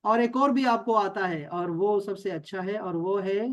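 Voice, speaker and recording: With a high-pitched voice, a man from Pakistan runs an online Arabic class, patiently going over the material. He repeats words and keeps confirming his students understand.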